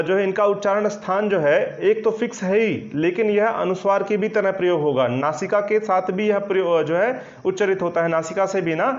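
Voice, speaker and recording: A male Hindi grammar teacher giving an online exam-prep lesson, explaining patiently and checking often that students follow. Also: sits high. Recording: slightly dull lo-fi sound.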